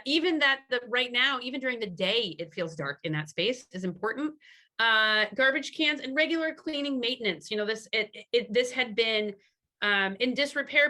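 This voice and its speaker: A woman's voice: on the high side, sharp tone. A woman on a video call summarizing her breakout group's ideas at a community meeting, with many fillers and restarts.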